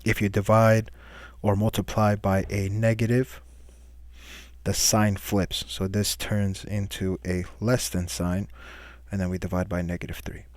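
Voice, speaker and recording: A man with a somewhat low voice teaching math in a recorded lesson. He talks patiently step by step, posing questions to the class and answering them himself. The sound is dry and close, with no room around it. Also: flat delivery, unhurried, darkish tone, no room sound.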